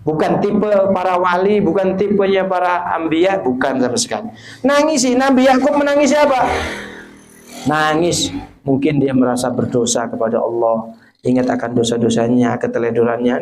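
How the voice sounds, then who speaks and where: A high-pitched man with an East Javanese accent delivers a sermon to a live audience. He recites Arabic verses, slips into Javanese, and keeps throwing questions at his listeners. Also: darkish tone, poor audio. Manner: mixes Javanese phrases and Arabic quotations, asks the audience rhetorical questions. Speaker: preacher.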